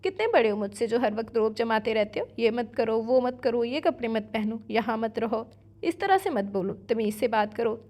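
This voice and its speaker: A woman's voice: a little high, a little mellow, natural voice. A woman voicing a headstrong young wife, a student who answers back in petulant, indignant lines. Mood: furious.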